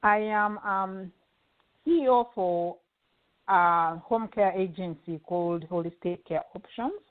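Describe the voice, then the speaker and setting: A middle-aged woman with a Ugandan accent, a guest answering interview questions earnestly, with many pauses and fillers. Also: medium pitch. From western Uganda. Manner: earnest, with frequent fillers and restarts. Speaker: guest, home care agency CEO. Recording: tinny phone-line audio.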